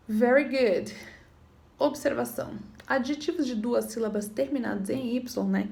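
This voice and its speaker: Patient teacher woman with a gravelly voice. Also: a little high, a little mellow. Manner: patient, repeats points, checks in with "tá bom?". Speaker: English teacher. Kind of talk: explaining grammar rules to a class.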